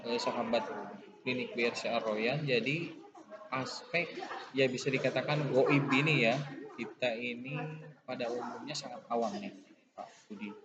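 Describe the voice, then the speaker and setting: A man's voice: medium pitch, moderate pace. A man, interviewing a clinic owner in casual talk, chatty, with laughs between phrases. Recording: dull lo-fi audio with loud background noise.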